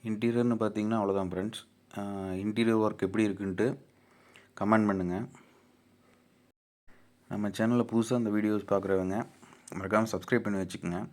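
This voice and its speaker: Speaking a little fast but leaving long pauses, a man with a fairly low, steady voice and a Tamil Nadu accent talks his viewers through a product informally and clearly. He builds and repairs amplifiers and presents his own video channel.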